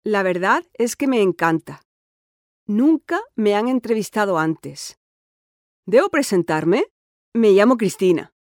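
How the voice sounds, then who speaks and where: A woman voices a cheerful, sporty sixteen-year-old schoolgirl who is confident and talks eagerly about school and books, as the interviewee in a scripted listening-test dialogue. Her ordinary mid-range voice is expressive, darkish and a little slow, with long pauses, close to an everyday voice. The studio recording is dry and close, with no room sound.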